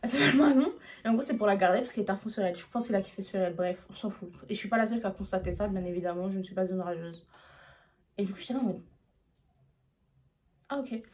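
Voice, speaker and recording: A young woman from France tells a story from her own life in a rapid, casual vlog manner. She talks in slang and jumps into other people's lines as she tells it. Her voice sits at a middle pitch and races along. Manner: fast, slangy, animated retelling. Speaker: YouTuber.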